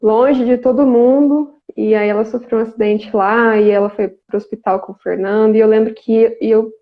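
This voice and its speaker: A woman's voice: fairly high pitch, steady tone, moderate pace. A Brazilian woman hosting a live video chat, talking in a casual, conversational way with frequent tag questions. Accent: Brazilian Portuguese. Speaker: host. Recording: tinny phone-like call audio.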